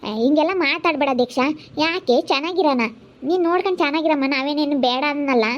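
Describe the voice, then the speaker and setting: A woman's voice: high voice, fast talker, lightly acted. Lady acting as a bossy quarrelling sister, rural karnataka accent, muffled lo-fi sound. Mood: argumentative. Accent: rural central Karnataka Kannada. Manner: scolding, argumentative. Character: sharp-tongued sister quarrelling over parents' care. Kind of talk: amateur family drama acting. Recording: muffled lo-fi recording.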